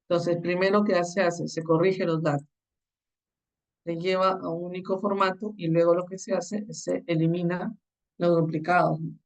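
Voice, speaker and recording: A course instructor giving a recorded lecture on the slides, explaining step by step and often checking in with a quick tag question. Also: mid-range voice, far from the mic, low-quality recording.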